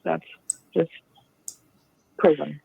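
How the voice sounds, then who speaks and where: A woman talking gently and soothingly to an inmate over a prison phone line. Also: sits low, little pitch movement, very slow, gravelly, husky. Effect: heard over a prison phone line. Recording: tinny phone line with faint hiss.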